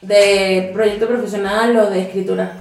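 A woman's voice: mid-range voice, little pitch movement, normal speed, a little mellow, far from the mic. A Mexican woman co-hosting a casual podcast, a chatty English teacher who laughs often and gets exasperated. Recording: very echoey room with faint music.

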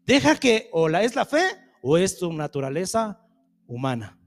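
A man preaching a sermon in a high, lifted voice. He talks emphatically and fires rhetorical questions at the congregation. Soft music plays faintly behind him. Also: very animated, normal speed.

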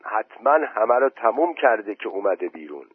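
A man voicing a village headman who calls out loudly to a boy in a pond. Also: fairly low pitch, sing-song, slightly rough, no echo. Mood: puzzled. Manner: loud calling, raised voice. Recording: tinny phone-like voice message.

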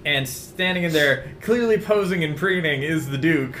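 A young man running a tabletop game as game master, casual and relaxed, laughing often. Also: fairly high pitch, moderate pace, echoey room, slight background noise.

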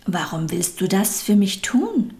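A woman voicing a small, eager, childlike soul in heaven, speaking with soft wonder and pleading. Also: mid-range voice, big pitch swings, unhurried, vocal fry. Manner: wondering, pleading, softly exclaiming.

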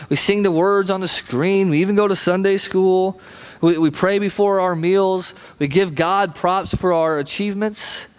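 A high-pitched male pastor delivers a sermon with lots of animation. He slips into playful mock voices of everyday churchgoers. He stumbles over the first word of many sentences. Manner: repeats words in stumbling starts.

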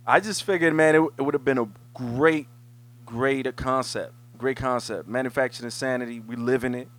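A man co-hosting a casual podcast chat, telling stories in an animated way with frequent restarts. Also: mid-range voice, normal speed. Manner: animated storyteller, many restarts. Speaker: podcast co-host.

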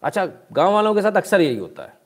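A man hosts a live news commentary stream in a casual, sarcastic way, often switching into English. His voice sits somewhat high for a man. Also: sing-song, quick pace.

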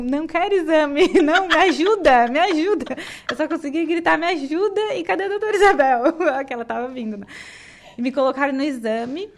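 A young woman from southern Brazil telling her birth story in casual chat, animated and often laughing. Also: high voice.

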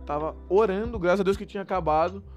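A man's voice: high voice, fast talker, faint music behind. A young man with a Brazilian Portuguese accent telling a story in casual, slangy talk. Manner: lively, slangy, acts out quoted people.

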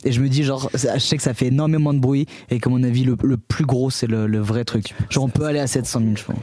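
A man's voice: medium pitch, steady tone, fast talker, mellow, dry recording, studio quality. A man playing as a quiz contestant, reasoning aloud in a rambling, hesitant way with many restarts. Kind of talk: casual chat.

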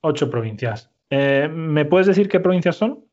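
Un hombre malagueño con acento andaluz da una clase de español con calma y paciencia. Repite las respuestas y explica cada palabra con claridad. La grabación suena algo apagada, de baja calidad. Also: male voice, fairly high pitch, normal speed, muffled recording. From Málaga, Spain. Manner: clear, patient, repeats and explains words. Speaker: Spanish teacher. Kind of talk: slow explanatory language lesson.

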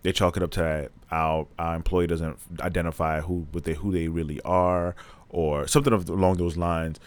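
A man with a very low, deep voice chats casually on a podcast. He speaks frankly and bluntly, circling back and repeating phrases to drive a point home. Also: little pitch movement, moderate pace, smooth. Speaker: podcast co-host. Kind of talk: casual chat.

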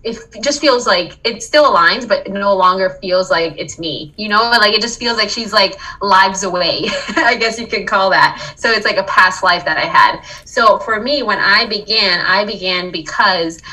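A Colombian woman who works as a wellness coach tells her story earnestly and reflectively in a casual podcast interview, often laughing and checking in with "right?". Her mid-range voice moves at normal speed with a sharp tone, picked up by a distant mic in poor audio.

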